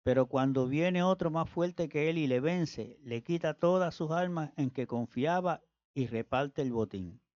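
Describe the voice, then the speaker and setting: A man reading Bible passages aloud in a steady, measured way. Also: fairly high pitch, no echo, dull audio. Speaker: scripture reader.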